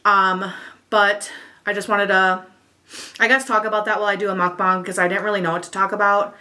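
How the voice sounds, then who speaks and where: A woman's voice: mid-range voice, little pitch movement, a little fast, bright, forceful tone. A woman vlogging at home, chatting casually into a camera mic, with lots of "um" and "like" and a slightly out-of-breath delivery. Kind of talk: casual eat-with-me chat.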